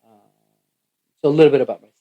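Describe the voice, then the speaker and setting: A Turkish man with a Turkish accent speaks English as his second language, appearing as a physical therapist guest on a podcast. He answers haltingly, dropping in "you know" again and again, his voice mellow on a dry recording.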